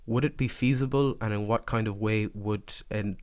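An Irish man working as a radio interviewer, asking measured questions in wordy, considered phrasing. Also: on the low side, fairly even intonation, a little mellow, clean tone, no room sound.

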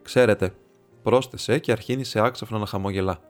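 A man narrating a classic literary story as an audiobook reader, measured and even. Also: on the low side, faint music behind.

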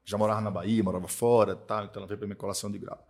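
A man from Northeast Brazil who runs an accounting firm, talking in a casual podcast conversation, emphatic and repetitive, tagging his points with quick checks for agreement. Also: fairly low pitch, level tone, a little mellow. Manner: emphatic, repeats himself, tag questions "tá?" and "né?".

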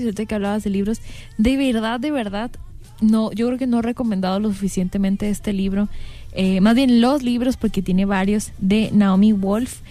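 A woman's voice: medium pitch, mellow. A young woman with a Mexican accent, co-hosting a casual panel chat and thinking aloud with frequent fillers. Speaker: podcast co-host.

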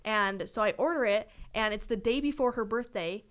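A young woman co-hosting a casual podcast chat, telling stories in an animated way with frequent laughter. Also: on the high side, normal speed. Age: young adult. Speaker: podcast co-host.

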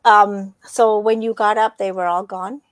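A woman's voice: mid-range voice, steady tone, measured pace, no echo. A middle-aged woman, chatting casually as a co-host and running through event schedules. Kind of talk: casual chat.

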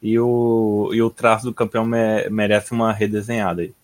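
A man's voice: lowish voice, level tone, normal speed, slight background noise. A young Brazilian man with a Brazilian Portuguese accent, chatting casually on a gaming podcast and telling stories with a laid-back manner and frequent laughs. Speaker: podcast co-host.

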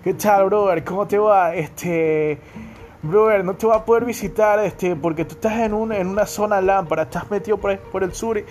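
Man doing a snobbish rich young man, Guayaquil accent, drawling, pitched up. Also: normal speed, darkish tone, faint music behind, lightly acted. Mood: snooty. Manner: drawling, says brother a lot. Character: posh rich young man from a gated suburb.

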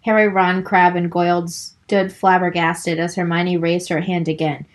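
A woman's voice: lowish voice, little pitch movement, normal speed. Wry, foul-mouthed woman co-host. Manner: wry, profane, reads narration aloud. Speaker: podcast co-host. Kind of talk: casual book-club chat and reading aloud.

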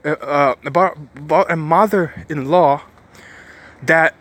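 A man with a somewhat high voice delivers a preachy motivational monologue. He hammers his points home by repeating phrases and keeps restarting sentences as his thoughts run ahead. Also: takes it slowly, a bit bright. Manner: emphatic, repeats phrases for stress; rambling with frequent restarts.

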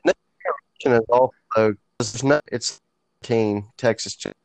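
Man in a laid-back chat whose audio keeps breaking up, choppy with clipped endings; clear, dry tone. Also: medium pitch, fairly even intonation, normal speed, a little mellow, no echo, rough recording. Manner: trailing, unfinished phrases. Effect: choppy internet call, words cut off at the ends. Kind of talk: casual chat.

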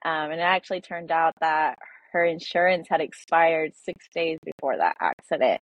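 A woman's voice: low-pitched, normal speed, muffled recording. A young woman in her twenties, a podcast guest, telling a personal story in a casual way with many fillers.

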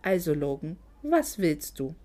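A woman's voice: sits low, sing-song, unhurried, warm tone, voice pushed down, heavily acted. Woman doing a smug, oily male loan shark. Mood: scornful. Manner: oily, condescending, mock-polite. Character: smug greedy male moneylender, fake-sweet.

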